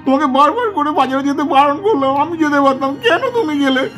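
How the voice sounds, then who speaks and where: A woman's voice: high voice, lively intonation, quick pace, fairly bright tone, soft background music, pitched below the performer's own voice. A woman voicing a distraught young husband who pleads with his dead wife, in a puppet cartoon. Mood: pleading grief. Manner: pleading, anguished.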